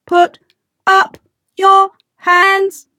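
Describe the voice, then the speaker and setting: A woman voicing a friendly robot that gives simple classroom commands in a slow, even, sing-song children's lesson chant. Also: very high-pitched, no echo, clean studio sound, faint music behind, exaggerated voice. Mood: cheerful, bossy.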